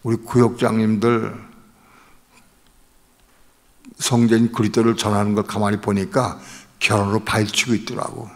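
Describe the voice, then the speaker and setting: Gravelly impassioned pastor in his sixties. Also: little pitch movement, normal speed, long pauses. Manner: impassioned, swinging between loud outbursts and hushed low asides. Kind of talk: sermon. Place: church sanctuary during an evening service. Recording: long church-hall reverb.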